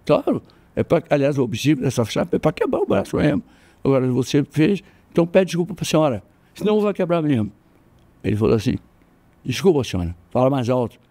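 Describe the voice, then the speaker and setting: A man's voice: fast talker, dry recording. Older Brazilian man telling fight stories. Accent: Brazilian Portuguese. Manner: animated, acts out quoted voices with jumps in pitch. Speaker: interview guest, jiu-jitsu master. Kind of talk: storytelling in casual interview.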